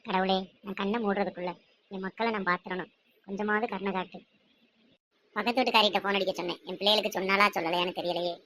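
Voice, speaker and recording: A woman's voice: mid-range voice, steady tone, quick pace, a bit bright, slight background noise, natural voice. A woman voicing a frail, bedridden elderly mother who speaks in a pleading, tearful lament. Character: bedridden old mother longing for her sons.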